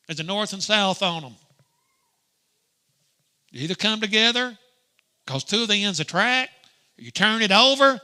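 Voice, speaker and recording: A middle-aged man teaching a Sunday school lesson in a preaching style, emphatic and swinging from loud to hushed. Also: sits high. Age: grandparent age, middle-aged or older.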